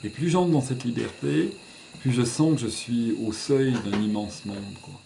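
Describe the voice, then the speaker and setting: A gravelly, mid-range male voice speaks at a measured pace. He is a member of a religious order, thoughtful and earnest in a reflective interview, thinking as he talks, recorded far from the mic in an echoey room with a noisy background.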